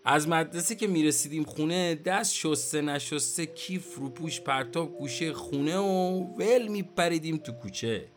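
An actor playing a chatty, complaining, nostalgic middle-aged taxi driver with a Tehrani accent and colloquial street slang. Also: male voice, fairly high pitch, hardly any pauses, soft background music, natural voice. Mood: wistful, animated.

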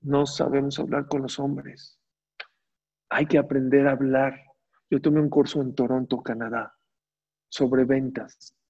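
A man's voice: medium pitch, level tone, measured pace, long pauses, mellow, slightly rough. A man giving a religious lecture, asking his audience rhetorical questions and repeating phrases for emphasis. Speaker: Torah teacher. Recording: dull, slightly muffled recording.

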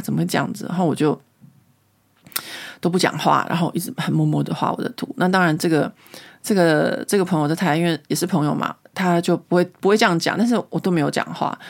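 Low-voiced chatty woman. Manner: chatty, animated storyteller. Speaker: podcast host. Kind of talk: casual storytelling podcast.

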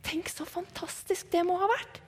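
High-voiced woman telling a story in a hall. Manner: lively, dramatic, hushed whispers for suspense. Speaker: children's Bible storyteller. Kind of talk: eyewitness storytelling to children. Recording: long hall reverb.

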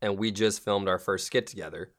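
A man hosting a casual comedy podcast, playful and quick to laugh. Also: on the low side. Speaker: podcast host.

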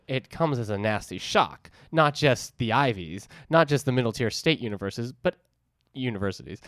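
A man's voice: mid-range voice, dry recording, studio quality. Jokey man with a New England accent. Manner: jokey, wandering asides. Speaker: podcast co-host. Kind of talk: casual chat, reading book blurbs.

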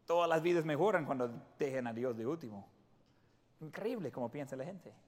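High-voiced pastor preaching in a reverberant hall. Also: male voice, a little fast. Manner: animated preaching, acting out quoted voices. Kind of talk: sermon.

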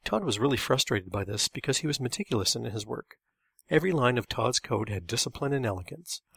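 Gravelly man narrating a memoir. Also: mid-range voice, lively intonation, a little fast, fairly bright tone, no echo, clean studio sound.

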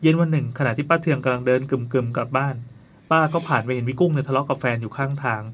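A man telling a ghost story at a brisk clip, his voice sitting at an ordinary middle pitch. He keeps it casual and chatty, breaking off now and then for playful asides to his listener. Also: a little hiss or hum. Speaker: storyteller host.

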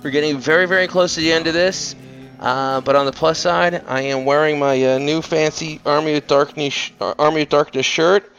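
A man with a higher, gravelly but smooth voice opens a podcast in a relaxed, wry way. The audio is dull and lo-fi. Music plays under him. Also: brisk. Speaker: podcast host. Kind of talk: casual podcast intro.

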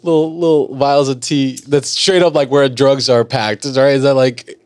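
Joking podcast host, dry close sound. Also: male voice, mid-range voice, fairly even intonation, dry recording. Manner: joking, swears freely, cuts in with quick reactions. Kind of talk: casual chat.

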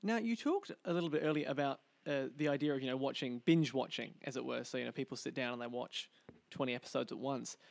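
A man's voice: mid-range voice, fast, vocal fry, no room sound. A man interviewing a voice actress, asking long, eager questions like an enthusiastic fan.

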